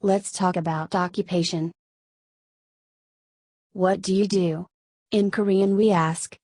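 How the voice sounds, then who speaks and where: A Spanish woman, a native Spanish speaker, explaining Korean grammar in English with a Spanish accent, in steady step-by-step scripted narration. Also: medium pitch, slow pace, no echo. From Spain. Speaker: Korean language teacher.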